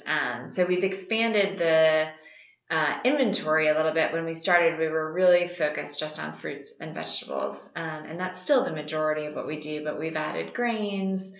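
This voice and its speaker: A woman's voice: low voice, moderate pace, a bit bright. A woman guest giving conversational interview answers, with the empty echo of a warehouse around her. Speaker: food hub manager, interview guest. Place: warehouse of a food hub. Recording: echoey warehouse, slightly muffled.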